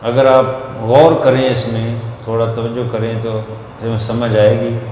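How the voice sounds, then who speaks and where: A man teaching a Quran reading lesson, explaining grammar step by step and chanting verses slowly. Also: medium pitch, flat delivery, a little mellow, roomy sound, long reverb tail, slight background noise.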